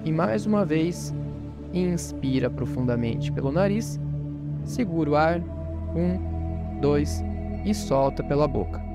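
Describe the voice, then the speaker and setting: Male Brazilian meditation guide, slightly high-pitched, soothing and calm, with prominent new-age music behind. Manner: calm, soothing, unhurried guidance with pauses. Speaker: meditation guide and podcast host.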